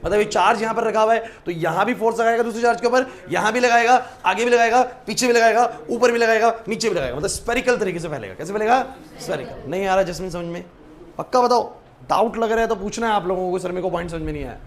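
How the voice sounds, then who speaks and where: A man's voice: high-pitched, fast. A man teaching a physics class, often stopping to check that his students follow and mixing English terms into his explanations. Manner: asks students to confirm understanding; mixes English terms into Hindi. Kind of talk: classroom lecture. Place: classroom with whiteboard.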